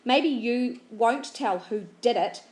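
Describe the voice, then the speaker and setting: A woman's voice: fairly high pitch, takes it slowly. A woman reading the part of a stern girl who scolds a boy firmly. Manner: firm, insistent.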